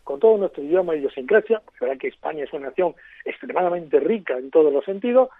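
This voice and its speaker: A man's voice: a little high, expressive, fast talker, gravelly, no room sound. A man as a radio guest, explaining at length in an expansive, lecturing way over a phone line.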